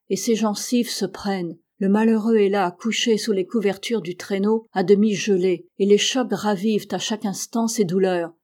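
A woman's voice: medium pitch, darkish tone, close to an everyday voice. A woman reading as a kindly ship's doctor. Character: kindly middle-aged male ship's doctor.

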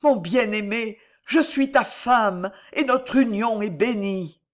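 A tender young woman, devoted and fervent, speaking softly and haltingly in a lifted, higher voice, as a male reader puts her on. Her words come slow and careful in this storybook reading.

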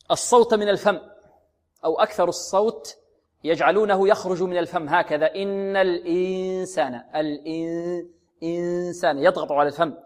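A man with a high voice teaches the rules of Quran recitation. He keeps asking a question and then answering it himself. He slows right down to stretch out each sound he demonstrates. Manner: asks and answers his own questions, slow drawn-out demonstrations. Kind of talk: tajweed lesson.

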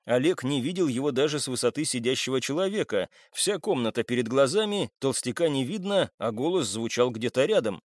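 A male audiobook narrator reading with a lively, swinging pitch. The sound is dry and close, with no room around it. His pitch sits in the middle range. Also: brisk, hardly any pauses, dry recording. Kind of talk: scripted narration.

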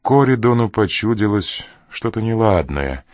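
A man narrating an audiobook in a steady, even reading voice. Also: lowish voice, unhurried, dry recording, clean studio sound.

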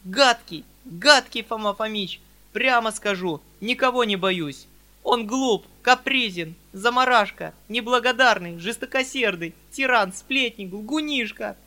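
A man voicing a fiery, outspoken young girl who shouts in defence of her father. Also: high-pitched, unhurried, pitched above the performer's own voice, exaggerated voice. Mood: indignant. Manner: shouting, indignant, tearful pleading.

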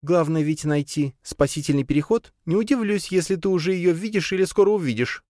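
A man reading an audiobook, voicing a young woman companion in a raised girlish pitch. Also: animated, fairly quick, dry recording, clean studio sound, lightly acted. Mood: eager. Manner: high bright girlish voice.

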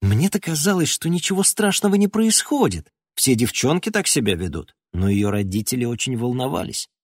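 A man narrating an audiobook in an expressive storytelling manner. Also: medium pitch, moderate pace, breathy edge, dry recording, clean studio sound. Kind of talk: scripted narration.

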